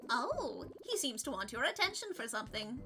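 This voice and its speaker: A woman's voice: fairly high pitch, very animated, normal speed, sharp tone, soft background music. A young adult woman streaming a game live, chatting casually with frequent giggles and reading game text aloud.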